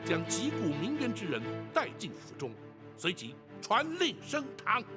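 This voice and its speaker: An actor playing a stern, upright ancient magistrate holding court, declaiming in a slow, solemn manner. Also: male voice, high-pitched, wildly swooping pitch. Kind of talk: period TV drama acting. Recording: reverberant hall with music.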